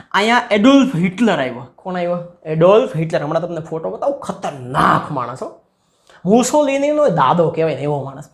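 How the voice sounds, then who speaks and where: A man teaching a school history chapter, lively, asking students questions and acting out quotes. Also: high-pitched.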